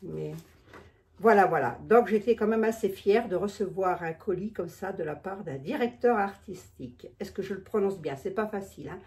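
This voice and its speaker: This unboxing vlogger talks to her subscribers in a casual, self-deprecating way, frequently saying things twice. Her mid-range, darkish voice moves at a normal pace, and she lisps, turning s into a slushy sh with slightly impeded articulation.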